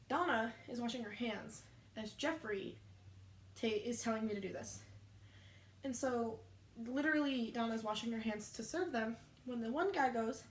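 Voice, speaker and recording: Chatty young woman in an echoey room. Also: on the high side. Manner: rambling, chatty, self-correcting. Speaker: vlogger telling work stories. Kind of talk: casual storytime chat.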